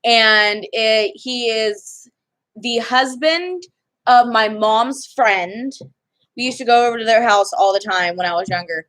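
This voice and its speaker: A woman's voice: fairly high pitch, a little slow, a bit bright. A young woman chatting casually for her vlog, rambling and cutting herself off mid-sentence. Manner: chatty, rambling, self-interrupting. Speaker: vlogger. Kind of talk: casual chat.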